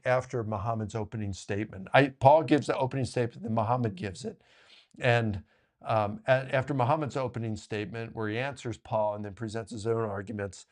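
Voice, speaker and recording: A man talking as a guest author in a casual discussion, telling stories in an animated way with quick asides. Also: mid-range voice.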